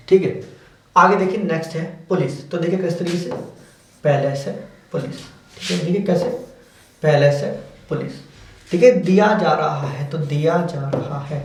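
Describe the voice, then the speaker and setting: A man teaching a lesson, explaining step by step in a patient, repetitive way. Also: fairly high pitch. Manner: repetitive, patient, says "dekhiye" often. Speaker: shorthand teacher. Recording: very echoey room, distant mic, faint hiss.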